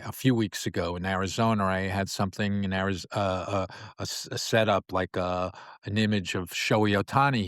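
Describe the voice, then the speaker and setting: A man from New York City talks through a casual solo monologue as the host of his own show. His voice sits on the low side and is recorded dry and close. He rambles, circling back with restarts and filler words. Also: no room sound. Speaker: podcast host.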